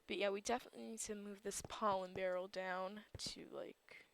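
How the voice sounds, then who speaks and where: A woman's voice: mid-range voice, fairly even intonation, moderate pace, creaky, a little hiss or hum. A woman giving casual gameplay commentary, groggy in her morning voice, rambling and thinking aloud with lots of fillers. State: groggy just-woke-up morning voice. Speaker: server owner and gameplay commentator.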